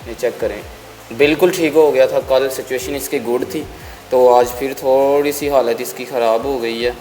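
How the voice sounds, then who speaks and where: A man's voice: mid-range voice, steady tone, moderate pace, mellow, faint music behind. A man casually chatting to his viewers while tending his pet birds at home, talking to them and coaxing them along. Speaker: bird-keeping vlogger. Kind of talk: casual vlog chat. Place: at home, among bird cages.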